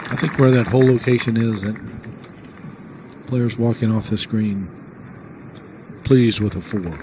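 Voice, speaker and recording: Low-voiced male golf analyst, noisy background. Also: a little slow. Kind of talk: conversational live golf commentary. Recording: steady outdoor background noise.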